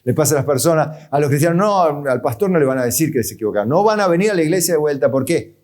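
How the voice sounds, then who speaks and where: Argentine male pastor, fairly high-pitched, lively and chatty sermon delivery. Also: quick pace. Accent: Argentine Spanish. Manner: conversational preaching, rhetorical questions, chuckles.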